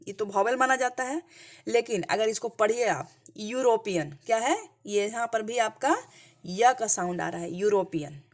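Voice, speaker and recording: Woman teacher quizzing her class. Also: mid-range voice. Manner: asks the class questions and answers them herself; checks in often with "clear?" and "okay". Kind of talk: slide-based grammar lesson.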